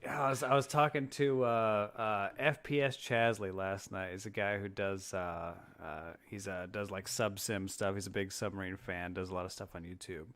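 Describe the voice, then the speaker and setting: A man, a former submariner, telling sea stories in casual chat, animated and swearing freely. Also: fairly low pitch, moderate pace, hardly any pauses. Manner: animated, acts out shouting in quotes, swears freely.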